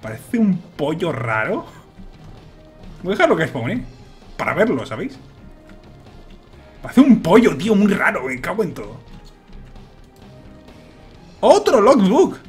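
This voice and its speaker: Excitable gamer with faint music. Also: male voice, high voice, breathy edge. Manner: excitable, shouts and repeats words when nervous. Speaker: gaming YouTuber. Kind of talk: Let's Play commentary.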